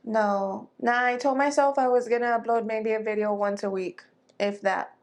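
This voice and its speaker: A woman in her thirties with a slightly high voice co-hosts a relaxed podcast. She speaks in an easygoing, agreeable way, full of casual fillers. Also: moderate pace. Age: 30s. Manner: easygoing, agreeable, lots of likes. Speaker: podcast co-host. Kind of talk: casual chat.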